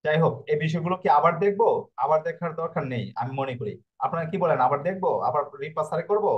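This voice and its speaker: Man teaching Italian pronunciation over muffled audio. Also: fairly high pitch. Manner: explains in a repetitive way, often checks with students. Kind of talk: online class lesson.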